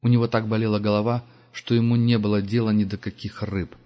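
Low-voiced male audiobook narrator. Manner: measured, steady storytelling. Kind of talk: scripted narration. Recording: dull lo-fi audiobook recording.

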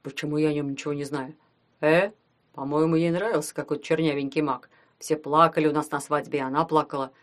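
A woman voicing a grumpy talking ring that holds an old grandfather's spirit, speaking in a creaky, grumbling way. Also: deep voice, fairly even intonation, quick pace, close to an everyday voice.

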